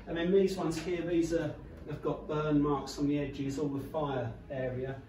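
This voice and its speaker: At a small gallery with photos on the walls, a man talks informally about his pictures, using fillers. His voice is fairly high and warm, with a level tone and normal speed. A distant camera mic picks him up in an echoey room with people around and slight background noise.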